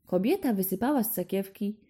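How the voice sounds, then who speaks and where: A woman reading a fairy tale to children in a gentle, unhurried storytelling manner. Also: medium pitch, lively intonation, husky.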